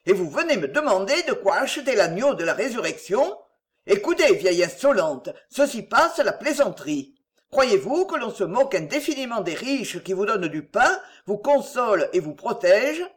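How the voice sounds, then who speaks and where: A woman voicing an irascible rich old gentleman who scolds and blusters angrily. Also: medium pitch, sing-song, a little slow. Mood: furious.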